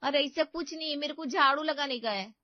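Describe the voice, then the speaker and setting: A woman's voice: high-pitched, a little fast, no room sound, muffled recording, lightly acted. A woman voicing a naive, childlike young maid. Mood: meek. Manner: simple-minded, colloquial, innocent. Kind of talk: animated story voice acting.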